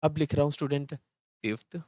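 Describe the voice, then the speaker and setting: Fast-talking teacher, dry sound. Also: male voice, fairly high pitch, darkish tone, no echo. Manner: fast-talking, repeats questions back to students. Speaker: English grammar teacher. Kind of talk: live online class lecture.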